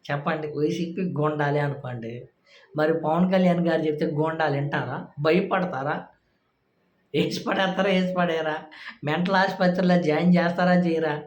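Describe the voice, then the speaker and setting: A man's voice: on the high side, a little fast, echoey room, muffled recording. A man commenting sarcastically on political speech clips in a casual, scoffing way.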